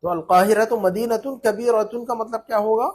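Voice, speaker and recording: Male Arabic tutor, high husky voice, patient and repetitive. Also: steady tone, normal speed, a little mellow. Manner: explains patiently, repeats points, often asks "है ना?". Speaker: Arabic teacher. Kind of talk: informal online Arabic lesson.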